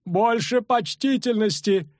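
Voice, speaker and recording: A man doing a shrill wailing old noblewoman. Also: no room sound, studio quality. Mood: indignant. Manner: wailing, slow and drawn out. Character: shrill older noblewoman chaperone, indignant.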